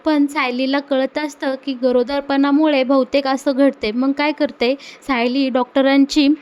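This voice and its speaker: Female recap narrator for a TV serial; high-pitched, storytelling voice-over. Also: little pitch movement, unhurried, darkish tone. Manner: storytelling recap, addresses viewers directly. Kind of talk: voice-over retelling of a TV episode.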